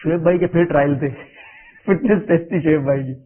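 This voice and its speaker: Animated man on tinny phone-like audio. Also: on the high side. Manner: animated, chuckling storyteller, loose run-on sentences. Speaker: cricketer guest. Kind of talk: anecdotal interview storytelling. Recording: narrow phone-like radio audio.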